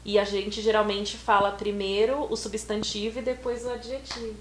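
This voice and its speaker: A woman's voice: medium pitch, little pitch movement, normal speed. Easygoing woman guessing answers. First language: Portuguese. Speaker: co-host playing the student. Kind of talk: casual bilingual lesson chat. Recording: echoey room, faint hum.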